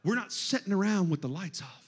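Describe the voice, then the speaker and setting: A man preaching a sermon in a church, moving between hushed scripture reading and shouted exhortation. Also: sits high, expressive, a little fast, husky.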